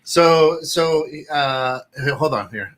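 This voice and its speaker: Bright-voiced man in his fifties, rambling. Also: a little high, drawn-out words, a little hiss or hum. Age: 50s. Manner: rambling and joking, many fillers. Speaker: co-host. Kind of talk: casual chat.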